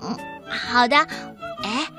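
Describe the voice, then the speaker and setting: A woman voicing a curious, excited little boy piglet in a children's storybook. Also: a little high, takes it slowly, music in the background. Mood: eager. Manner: excited, nosy. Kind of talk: storybook reading.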